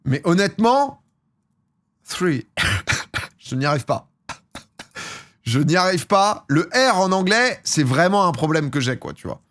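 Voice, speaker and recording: A man's voice: fairly high pitch, big pitch swings, unhurried, pauses often, a bit bright, dry recording, studio quality. A young man from France chatting casually on a live stream, rambling and slangy, often laughing at himself. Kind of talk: casual chat with chat viewers.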